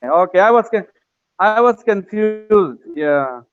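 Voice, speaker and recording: A man from Afghanistan, a university lecturer, speaking earnestly and politely in a casual online class, halting with many fillers. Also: high-pitched, expressive, soft background music. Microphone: video call. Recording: dull, dry online call audio.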